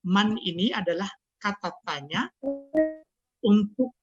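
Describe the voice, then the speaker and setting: A man's voice: high-pitched, lively intonation, slow pace, music in the background. A man with an Indonesian accent teaching an Arabic class online, patiently coaxing students to read aloud. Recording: dull lo-fi online call audio.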